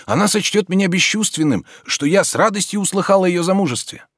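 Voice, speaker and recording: An excitable, soft-hearted nobleman, as a male reader puts him on in a raised voice. He gushes and swings between tears and laughter with very lively pitch, close and dry. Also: fast, no room sound. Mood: anxious. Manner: excitable, tearful, gushing. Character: Oblomov, gentle idle nobleman, emotional.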